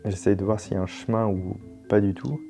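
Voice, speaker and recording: A man's voice: lowish voice, brisk, creaky, music in the background. A French man hosting a puzzle video, thinking aloud casually as he works, with jokes and mild swearing. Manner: casual, swears in surprise, jokey.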